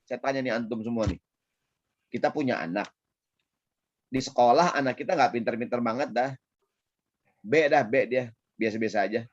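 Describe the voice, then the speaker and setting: A man preaching a casual sermon in a Jakarta Betawi accent, lively and playful, often checking in with his audience. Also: mid-range voice, moderate pace, pauses often, no room sound, lo-fi sound. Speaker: Islamic preacher. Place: online session.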